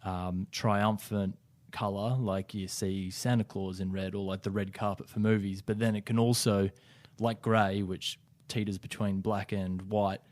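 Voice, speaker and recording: Mellow, low-voiced man co-hosting a podcast. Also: steady tone, dry recording. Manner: lays out his own theories at length, unhurried. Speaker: podcast co-host. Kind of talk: casual podcast chat.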